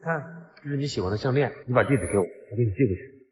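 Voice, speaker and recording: A man's voice: mid-range voice, expressive, racing, natural voice. An actor playing a pushy, deluded young man who thinks he is dating someone. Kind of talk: short web drama acting. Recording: reverberant room.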